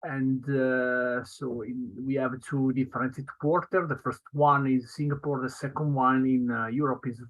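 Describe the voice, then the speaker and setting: An Italian man presents slides in an online webinar. His English is non-native and broken, with an Italian accent. He moves through his points haltingly, rebuilding phrases as he goes. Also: medium pitch, little pitch movement, rough recording. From Italy. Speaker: solution engineer presenting a webinar. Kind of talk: semi-scripted slide presentation.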